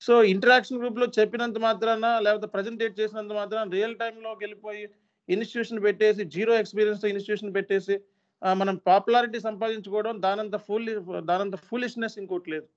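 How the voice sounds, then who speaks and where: A man's voice: high-pitched, flat delivery, rapid-fire. A man in his thirties, an SAP training instructor, making a stern, earnest appeal to his trainees and repeating points for emphasis. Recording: dull lo-fi sound.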